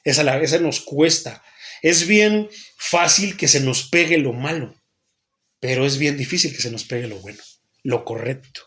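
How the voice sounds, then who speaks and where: A man's voice: medium pitch, moderate pace, fairly bright tone. A Mexican pastor preaching an earnest sermon to his church, asking himself questions and answering them, often repeating and restarting phrases.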